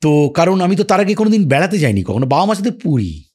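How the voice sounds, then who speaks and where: A man tells stories in a relaxed interview, reminiscing about his career. His voice sits at a middle pitch with a husky edge, and he acts out the lines he quotes. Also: quick pace. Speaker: actor as podcast guest. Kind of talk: casual storytelling interview.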